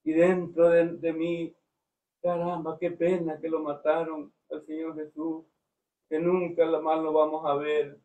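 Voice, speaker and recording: A man's voice: on the high side, completely flat delivery, warm tone, recorded from a distance, highs cut off. A man giving a fervent devotional testimony, often breaking in with praise to the Lord. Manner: fervent, slow, frequent "Señor" interjections. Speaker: church member giving testimony.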